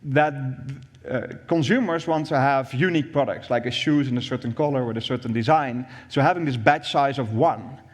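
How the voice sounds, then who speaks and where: A man's voice: mid-range voice, normal speed. A man, an industry executive, giving an explanatory conference talk, often repeating words as he thinks. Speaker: industry VP presenting. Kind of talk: conference presentation. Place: conference room on stage. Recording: long hall reverb.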